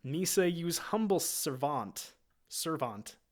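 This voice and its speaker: A man voicing a clumsy, goofy male amphibian alien who talks in drawn-out broken pidgin, in an amateur screenplay reading. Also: a little high, lively intonation, voice pushed up. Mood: goofy pleading.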